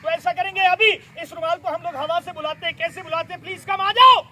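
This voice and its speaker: A middle-aged man, performing magic tricks for schoolchildren outdoors, loud and showy, coaxing the kids along. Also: very high voice, level tone, quick pace. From Pakistan. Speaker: stage magician. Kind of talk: live magic show patter for schoolchildren. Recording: noisy outdoor crowd. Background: crowd of children and street noise.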